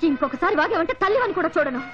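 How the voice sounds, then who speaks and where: A woman's voice: very high-pitched, big pitch swings, very fast. An actress playing a devoted young wife and new mother who speaks earnestly and firmly. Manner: pleading then defiant. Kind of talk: film drama acting. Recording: dull lo-fi film soundtrack with music.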